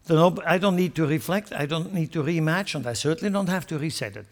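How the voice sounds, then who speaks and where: A man from Switzerland preaching a sermon, emphatic and joking, dropping from loud stressed lines to quiet asides. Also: on the high side, fast talker. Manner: joking, chuckles at his own remarks.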